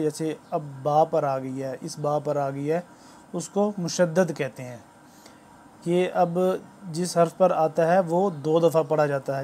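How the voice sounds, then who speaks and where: Male Quran reading teacher, patient and explanatory, spells out letter drills slowly. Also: a little high, dark tone. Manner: formal greeting to viewers.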